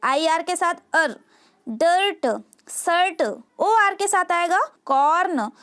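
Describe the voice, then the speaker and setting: A woman's voice: very high-pitched, lively intonation, drawn-out words, a bit bright. A woman teaching English phonics to parents, spelling out letters and sounding out words one by one. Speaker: home tutor teaching English reading.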